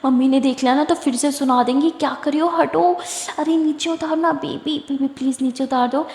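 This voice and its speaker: A woman's voice: high voice, steady tone, a little fast, darkish tone. A woman voicing a sulky, affectionate young woman who pouts and pleads. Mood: pleading, soft. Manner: pouting, pleading. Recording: echoey room with long reverb.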